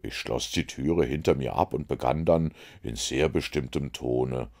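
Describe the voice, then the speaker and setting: A man reading an audiobook aloud in the first person, measured and self-assured. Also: very deep voice, darkish tone. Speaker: audiobook narrator.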